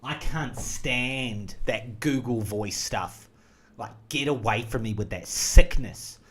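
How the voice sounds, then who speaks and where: A man's voice: mid-range voice, takes it slowly, a bit bright. Rambling guy gaming chat. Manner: rambling, goes off on tangents, jokey. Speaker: gaming streamer.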